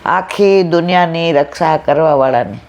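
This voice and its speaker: A woman's voice: deep voice, moderate pace, a little mellow, a little hiss or hum. An older woman giving a devotional satsang discourse, telling stories and acting out family anecdotes. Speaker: devotional speaker.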